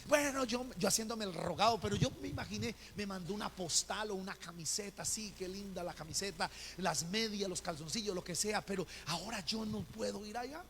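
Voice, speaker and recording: Male pastor, animated sermon storyteller, high gravelly voice, long church reverb. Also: fairly quick, hardly any pauses, slight background noise. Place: church hall.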